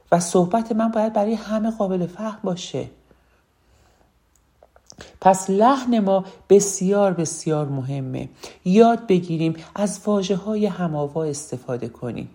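A woman's voice: low voice, warm tone. A woman giving a spoken lesson on public speaking, emphatic and repeating key phrases.

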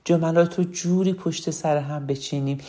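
Woman, low warm voice, animated speaking coach, repeats lines for emphasis. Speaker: public speaking teacher. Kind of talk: spoken lesson on oratory.

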